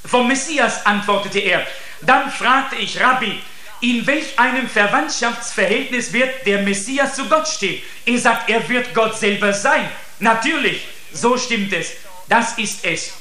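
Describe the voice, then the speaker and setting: Earnest male preacher delivering a sermon, slow and deliberate, roomy sound. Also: very high-pitched, expressive, pushed and bright. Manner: earnest, addresses listeners with repeated "seht". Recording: echoey room.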